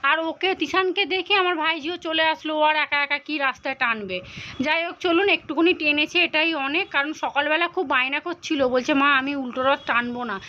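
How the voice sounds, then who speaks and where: Hoarse woman vlogging with a cold. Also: high-pitched, normal speed, pushed and bright, dull audio. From India. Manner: tired, unwell, chatty daily account. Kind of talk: casual vlog chat.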